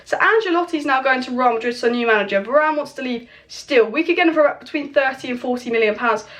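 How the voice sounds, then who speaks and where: Hoarse from losing her voice, a young woman delivers a casual football transfer news update from home, kitchen clatter nearby. Her high-pitched voice is expressive, quick and fairly bright; a chatty, opinionated football channel host, she talks straight to viewers via a camera mic.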